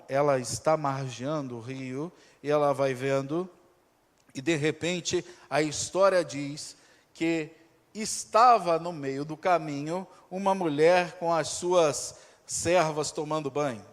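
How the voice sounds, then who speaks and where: A male pastor with a Brazilian accent preaching a sermon, telling the story dramatically, swinging from loud to hushed. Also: a little high. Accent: Brazilian Portuguese. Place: church. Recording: reverberant church hall.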